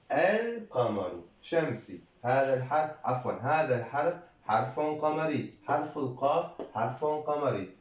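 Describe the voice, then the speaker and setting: Patient man teaching, slow and roomy. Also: medium pitch, a little mellow. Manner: repeats words slowly, mixing in French. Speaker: Arabic teacher. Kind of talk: slow, patient classroom lesson. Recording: roomy, from a distance.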